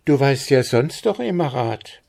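A man's voice: mid-range voice, measured pace, creaky, voice pushed up. A man reading the part of an eager, hopeful young village girl in a storybook, raising his voice for her. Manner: eager, excited.

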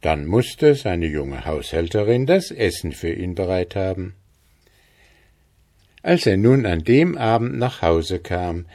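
Guy reading a fairy tale, low voice, real slow and calm. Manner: calm, measured storytelling. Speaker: narrator.

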